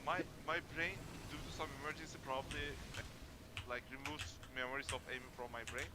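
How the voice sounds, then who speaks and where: A man's voice: medium pitch, steady tone, brisk. A man chatting casually on voice chat, blunt and self-deprecating, his cheap mic crackling and cutting out. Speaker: friend on a gaming voice chat. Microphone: cheap headset mic on voice chat.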